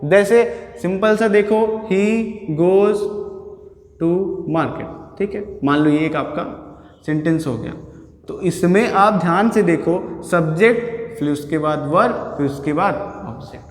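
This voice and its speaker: A man with a fairly high voice teaching grammar in a lecture style. He asks the class questions, answers them himself and keeps checking that they follow. His voice rings out with a long reverb, as if in a big bare hall. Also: moderate pace.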